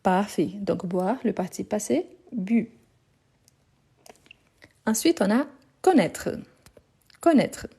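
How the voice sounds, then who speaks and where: A woman runs a live grammar lesson, speaking slowly and patiently. Her voice is mellow and middle-pitched, and she repeats each word before confirming it. She sounds close to a phone mic. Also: lively intonation, creaky, slightly rough. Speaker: French teacher.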